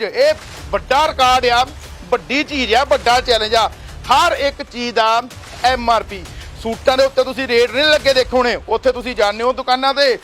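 A man, promoting a textile shop in a pushy way and listing prices quickly. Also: very high voice, fairly bright tone. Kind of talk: fast sales promo video.

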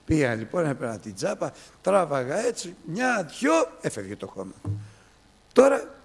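Guy preaching, tells stories, voice jumps all over, goes quiet then loud. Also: a little high, vocal fry, husky. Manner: animated storytelling, swings from soft to loud. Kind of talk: sermon.

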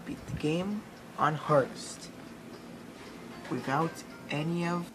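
While playing a game at home, a gaming video maker films his TV in a small room using a handheld camera or phone mic, offering casual commentary full of muttered reactions and apologetic asides. His voice is fairly high and his pace slow, with video game music in the background.

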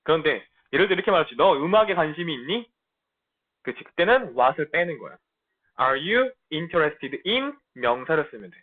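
Male tutor, high and animated, casual blunt lecture, tinny phone-like audio. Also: normal speed. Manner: casual blunt banter with students, frequent check-ins. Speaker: middle school English teacher. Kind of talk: online lecture.

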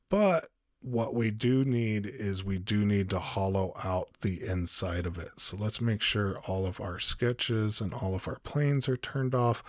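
A man giving a calm step-by-step software tutorial as host, with frequent ums. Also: low-pitched, dry recording, studio quality. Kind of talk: screen-recorded software tutorial.

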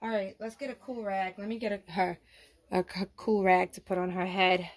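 In a doll role-play vlog, a woman with a medium-pitched voice narrates at a moderate pace in a level tone. She fusses soothingly over a sick doll while chatting to her viewers.

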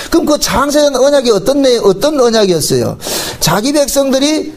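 A middle-aged man preaching from the pulpit in a notably high voice. He keeps asking his listeners rhetorical questions, fills pauses with little grunts of "eh?" and "mm", and draws out key phrases for emphasis. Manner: rhetorical questions with frequent fillers. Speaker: pastor. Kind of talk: sermon.

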